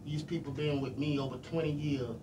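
A middle-aged man hosts a casual live radio show from a small indoor studio, talking colloquially and earnestly, giving shout-outs and repeating himself. His voice is fairly high and steady, a little fast. A distant room mic makes the recording noisy.

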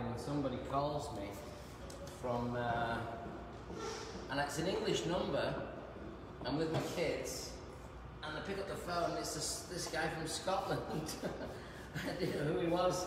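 This hairdresser and educator, a man in his fifties, keeps up a joking, chatty patter while teaching mid-cut in a large, bright indoor salon. A phone camera close by records his slightly croaky voice, which sits on the high side, in an echoey, noisy room.

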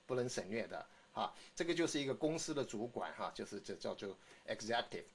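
A man teaching English phonics in Mandarin, drilling each word slowly and ending phrases with a soft "ha". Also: fairly low pitch, lively intonation, slightly rough. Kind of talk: recorded phonics lesson.

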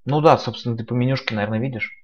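A man's voice: medium pitch, very fast, breathy edge, muffled recording. A man giving casual live commentary on a fighting game, talking in a conversational, analytical way. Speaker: esports commentator. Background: game music.

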